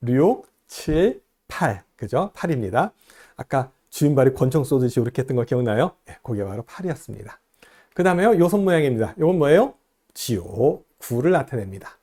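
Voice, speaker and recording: A man's voice: a little high, a little mellow. A man giving a video lecture, explaining things step by step and asking the viewer questions.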